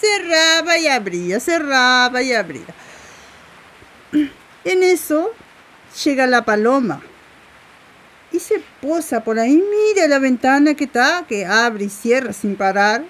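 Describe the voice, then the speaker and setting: A woman with a northern Uruguayan border accent telling a folk tale aloud, mixing Spanish and Portuguese words in an animated, repetitive way. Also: high-pitched, measured pace, long pauses. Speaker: storyteller. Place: rural home.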